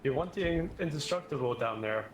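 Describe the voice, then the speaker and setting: A man's voice: on the high side, lively intonation, a little fast, a little hiss or hum. A man playing a co-op game with friends, easygoing, with short replies and laughter. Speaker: co-op teammate. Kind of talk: casual gaming chat.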